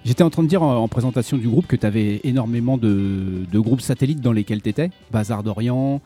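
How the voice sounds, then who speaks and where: Mellow male interviewer, informal and relaxed. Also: medium pitch, fairly quick, soft background music. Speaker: host, interviewer. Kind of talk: casual radio interview.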